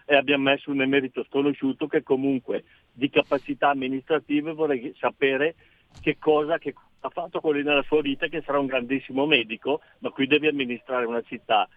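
A man's voice: mid-range voice, steady tone, a little fast, dry recording. A man from northern Italy calling a radio show over the phone, speaking fluently and in a firmly opinionated way. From Crema, northern Italy. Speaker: radio call-in caller. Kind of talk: call-in opinion. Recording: tinny phone line, dry.

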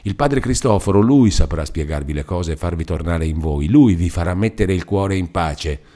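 A man's voice: sits low, lively intonation, normal speed, dark tone. A man reading aloud voices a devout young woman who pleads tearfully and imploringly. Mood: pleading.

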